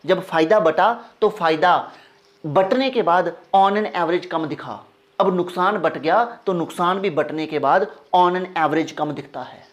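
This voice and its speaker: A man's voice: high voice, a little slow. A young adult man teaching a class, coaxing his students and repeating phrases to drive each point home. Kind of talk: classroom lecture.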